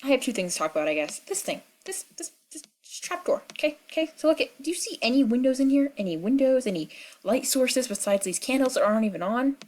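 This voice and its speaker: A woman's voice: on the high side, lively intonation, fast talker, a little mellow. A young woman with a cold rambling through casual gaming commentary at home, chatty and full of fillers and asides. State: sick with a cold, clearing throat. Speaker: gaming vlogger. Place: at home in the country.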